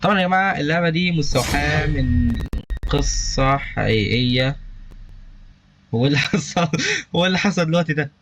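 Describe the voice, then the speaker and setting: A young man with an Egyptian Arabic accent, giving rapid, excitable let's-play commentary on a horror game with nervous exclamations. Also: a little high, music in the background. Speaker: gaming YouTuber.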